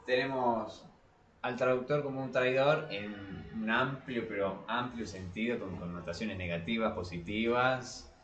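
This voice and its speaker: A man with an Argentine Spanish accent and a medium-pitched voice co-hosts a casual literary podcast, hesitating and rephrasing as he talks. The highs are cut off, and he sounds distant from the mic in a roomy, echoey space.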